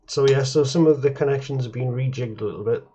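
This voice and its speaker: A man's voice: mid-range voice, quick pace, background noise. A man giving a casual show-and-tell of computer hardware at a home workbench. He rambles, hesitates and often corrects himself mid-sentence. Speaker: retro computer hobbyist presenter. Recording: slightly dull, muffled audio.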